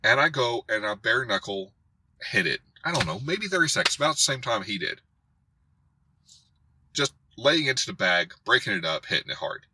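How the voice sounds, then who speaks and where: A man who hosts a karate channel, telling a story as a rant to camera in an animated way and acting out others' voices. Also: mid-range voice, normal speed, slight background noise, rough recording. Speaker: karate instructor and channel host.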